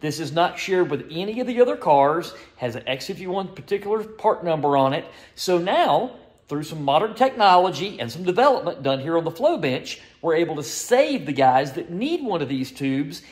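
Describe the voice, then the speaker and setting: 40s guy in his shop, selfie-cam vlog, pumped and blunt, kinda high voice. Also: moderate pace. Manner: energetic, salesman-like, blunt. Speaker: engine shop owner. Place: small indoor workshop. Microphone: phone camera at arm's length.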